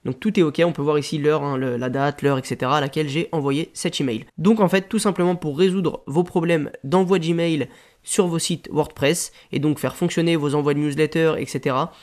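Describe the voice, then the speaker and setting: A man with a French accent talking casually through a software tutorial, full of fillers and restarts. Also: on the high side, fairly even intonation, fairly quick. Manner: casual, rambling explanations with frequent fillers. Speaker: WordPress tutorial host. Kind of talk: screen-share tutorial.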